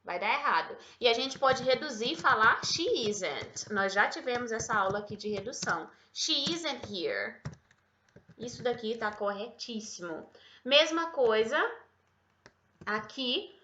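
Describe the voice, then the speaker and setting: A woman English teacher giving a chatty, affectionate online grammar lesson, slowing right down when she models English example sentences. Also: on the high side, expressive, pushed and bright, slight background noise. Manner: chatty, affectionate, calls viewers "meu bem" and "gente". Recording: echoey room, slightly dull sound.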